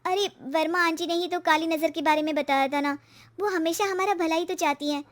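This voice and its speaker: High-pitched, chatty young wife in a cartoon story, hopeful and talkative, voiced by a woman. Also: fairly even intonation, a little fast. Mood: worried.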